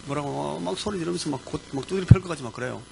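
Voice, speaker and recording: A man preaching as a pastor, telling a personal story with lively sound words and sudden bursts of emphasis. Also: fairly high pitch, racing, creaky, a little hiss or hum, rough recording. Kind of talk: sermon storytelling. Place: church.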